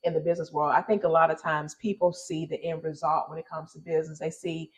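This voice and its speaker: A woman's voice: deep voice, level tone, quick pace, poor audio. A woman from Detroit hosting a casual panel talk, emphatic and encouraging with many affirmations. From Detroit, Michigan. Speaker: host.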